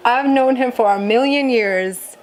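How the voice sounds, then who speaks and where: A young Jamaican-born woman speaking with a light Jamaican accent smoothed toward American, answering interview questions in an animated way with many restarts and fillers. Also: a little high, slow pace. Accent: Jamaican, softened toward American. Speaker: musician and interview guest. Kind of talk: casual interview conversation.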